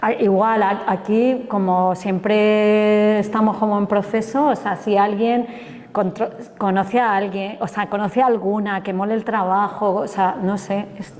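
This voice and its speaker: A woman's voice: medium pitch, little pitch movement, unhurried, a little mellow. A woman lecturer, chatting enthusiastically and colloquially while taking questions after her talk. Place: lecture hall. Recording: long reverb of a lecture hall.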